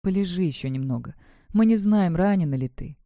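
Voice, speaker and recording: Reader voicing a gentle young brother. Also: medium pitch, expressive, brisk, dry recording, lightly acted. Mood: tender.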